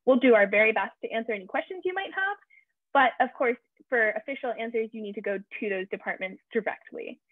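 Kicking off an online campus tour, the young female host reads a scripted introduction with energy and emphasis. Her voice is on the high side, lively in intonation and fairly quick, with no room sound, though the video call audio comes across tinny and phone-like.

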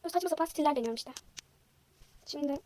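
A young woman talks quickly through her own drawing in a high voice, running herself down as she goes. Her throat is a little sore, so she sounds slightly hoarse. A faint hiss sits under the recording. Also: dark tone. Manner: chatty, self-deprecating, thinking aloud. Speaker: vlogger. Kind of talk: casual chat while drawing.

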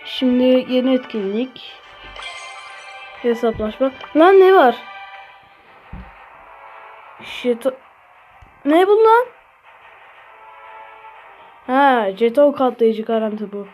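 A woman with a Turkish accent giving live commentary on her own gameplay, swearing and shouting at opponents. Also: high-pitched, sing-song, slow pace, pauses often. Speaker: gaming channel host. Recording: faint game music behind.

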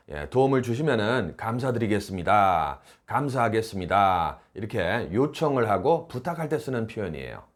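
A man teaching English phrases on video, saying each phrase slowly and clearly as he explains it. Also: mid-range voice. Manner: lively, drawn-out demonstration of each phrase.

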